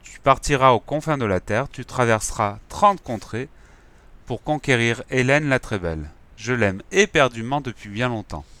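A man voicing a stern, possessive old king in a storybook reading, speaking slowly and emphatically. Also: mid-range voice, expressive, pushed and bright, dry recording.

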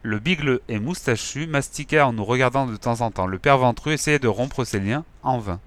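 A man reading a children's story aloud in a lively, expressive way. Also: mid-range voice, moderate pace. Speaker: audiobook narrator. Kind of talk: scripted children's story narration.

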